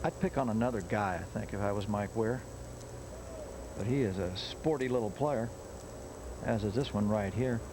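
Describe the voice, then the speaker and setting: A man's voice: lowish voice, moderate pace, long pauses. A man working as a golf commentator, calling live tournament play over outdoor noise. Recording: noisy outdoor broadcast.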